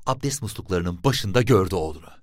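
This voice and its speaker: A man narrating a story for an audiobook in a lively, expressive reading. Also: low voice, a little fast, no room sound, studio quality.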